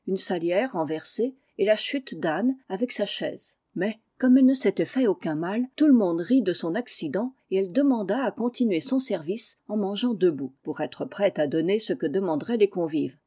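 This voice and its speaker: A woman narrating a classic children's novel in a calm, even reading voice. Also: medium pitch, moderate pace, few pauses, husky. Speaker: reader. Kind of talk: audiobook narration.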